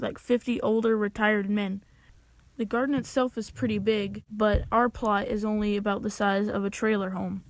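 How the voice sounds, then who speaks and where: A young woman tells a story for her animated video, her voice pitched a little high and sitting close and dry with no room sound. She delivers it with wry, deadpan humor and mock drama. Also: no room sound. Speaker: channel owner telling a story.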